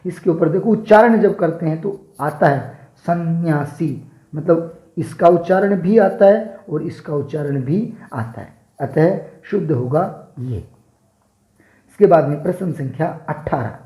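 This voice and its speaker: A man teaching an exam-prep language lesson, slowly reading out answer choices and repeating words to show how they are pronounced. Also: on the high side, dark tone, reverberant, poor audio. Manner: slow, deliberate spelling drills, repeating words to show pronunciation.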